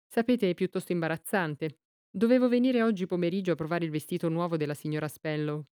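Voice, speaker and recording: A woman's voice: on the low side, fast talker, mellow, smooth, dry recording, studio quality, lightly acted. A woman voicing a tall, thin older female dressmaker with a thin, overly mannered voice, in an audiobook. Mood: polite, fretful.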